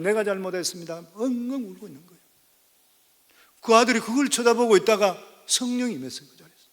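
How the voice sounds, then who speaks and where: A man in his fifties, a senior pastor, preaching a sermon, telling a story and then urging the congregation emphatically. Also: sits high. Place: church sanctuary. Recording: church hall reverb.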